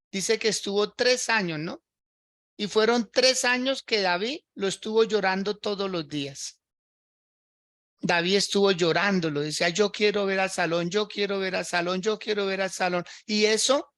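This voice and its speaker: A pastor preaching a livestreamed sermon, his voice gravelly and edged with brightness. He walks through scripture, circles back over his own phrases, and keeps asking listeners "right?". The sound is dry and close, with no room around him. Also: high voice, no room sound. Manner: repeats phrases while working through a scripture passage.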